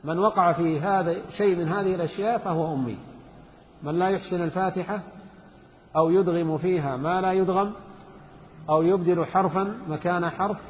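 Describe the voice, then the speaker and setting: A man's voice: high-pitched, steady tone, a little fast, a little hiss or hum. A man teaching a jurisprudence text to students, reading a passage and then explaining it with examples and repetition. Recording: dull reverberant hall sound.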